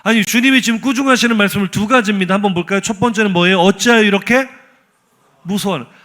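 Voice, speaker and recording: A male pastor preaching a sermon in a church, animated and humorous, firing rhetorical questions at the congregation. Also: high-pitched, racing. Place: church sanctuary.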